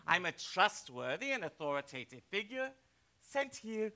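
A man's voice: high voice, big pitch swings, normal speed, sharp tone, full character voice. A man playing a German-accented stage doctor. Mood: explaining. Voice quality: authoritative. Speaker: doctor figure. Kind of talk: stage musical acting.

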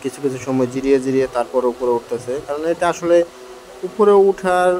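A man's voice: mid-range voice, brisk, poor audio. A man, a travel vlogger climbing hill stairs, talking frankly to viewers and slightly out of breath. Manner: chatty, frank and complaining, addresses viewers directly. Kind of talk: walking travel vlog commentary. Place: outdoors on hillside stairs. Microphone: handheld phone camera. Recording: phone audio with loud outdoor noise.

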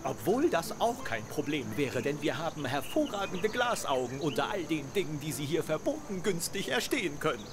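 Hucksterish cartoon mouse salesman, super animated, noisy background. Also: on the high side, normal speed, hardly any pauses. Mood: showy, coaxing. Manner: theatrical sales patter. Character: eager travelling mouse merchant, male, showy huckster. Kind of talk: cartoonish adventure game acting.

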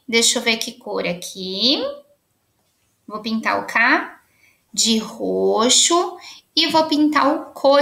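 A woman with a Brazilian accent teaching young children remotely, cheerful and encouraging, sounding out syllables slowly. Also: high-pitched, pushed and bright, reverberant. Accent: Brazilian Portuguese. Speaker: primary school teacher.

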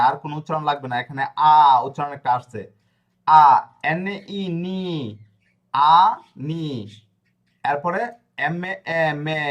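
A man teaching a pronunciation lesson, his voice sitting a little high. He breaks each word into syllables and spells them out slowly, then stops to ask the viewer a question before he goes on. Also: a bit bright. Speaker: language teacher.

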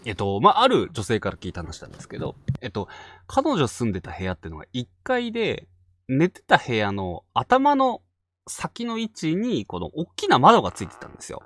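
A man from Fukushima hosting and narrating a spoken ghost story, dropping to hushed tones for tension. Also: medium pitch, wildly swooping pitch, brisk, no echo. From Fukushima Prefecture, Japan. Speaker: ghost story teller and host.

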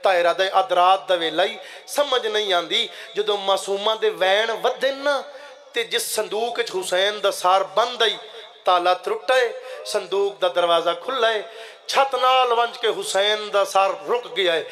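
Guy preaching a majlis, high bright voice, calls out to the crowd and slides into chanting. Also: normal speed. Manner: impassioned, addresses listeners directly, swells into chanting. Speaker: zakir reciting a majlis. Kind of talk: Muharram majlis recitation with sung lament.

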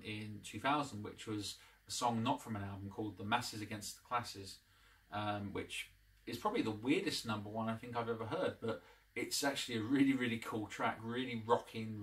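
A man's voice: fairly low pitch, steady tone, normal speed, a bit bright, far from the mic. A man in his thirties hosting a casual to-camera review at home, rambling with lots of ums and restarts. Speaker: channel host, reviewer. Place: living room at home. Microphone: camera across the room.

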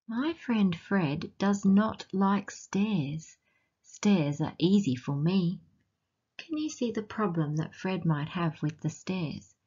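A woman with an Australian accent reading a picture book aloud to children and asking them gentle, teacherly questions along the way. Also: on the low side, lively intonation, slow, breathy edge, lo-fi sound. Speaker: children's storytime reader.

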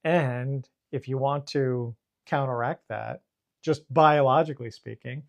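A man, a therapist co-hosting a podcast, explaining calmly and mixing clinical terms with casual swearing. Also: mid-range voice, measured pace, gravelly. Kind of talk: casual chat.

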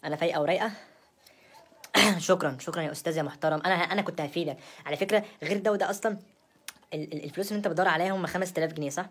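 Woman playing a spoiled Egyptian young wife, husky, rapid-fire, sassy, stammering, comedy sketch. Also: on the low side, a bit bright. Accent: Egyptian Arabic. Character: brazen spoiled young wife, chatty and unapologetic.

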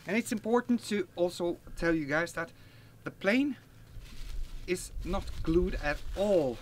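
Animated and high-voiced, a man in his forties speaks at a measured pace with slight background noise around him. A native Norwegian speaker who reviews RC hobby gear, he's out in a garden unboxing a model plane, chatting casually with frequent fillers and self-corrections.

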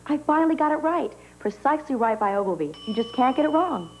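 An actress playing a self-deprecating perm customer in a TV advertisement, confiding in short, measured phrases. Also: female voice, sits high, animated, a little hiss or hum, low-quality recording. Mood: satisfied. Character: self-deprecating woman finally pleased with her perm. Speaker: commercial actor. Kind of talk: scripted TV advertisement testimonial.

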